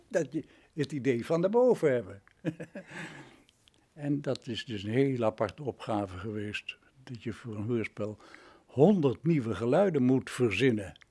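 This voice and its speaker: His voice mid-range, husky and a little mellow, this nonagenarian from the Netherlands looks back on his career as a radio drama director during an interview. Vivid examples and rhetorical questions fill his recollections.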